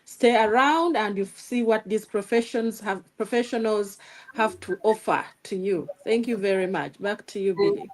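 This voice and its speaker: A woman's voice: medium pitch, normal speed. Woman guest, upbeat, inviting. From Uganda. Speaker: panel guest. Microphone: video call.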